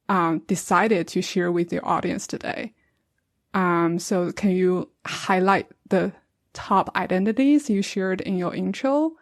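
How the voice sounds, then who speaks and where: A woman's voice: medium pitch, a little mellow, dry recording, clean studio sound. A woman whose first language is Chinese, hosting a podcast and asking curious questions in English. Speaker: podcast host. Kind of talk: casual interview chat.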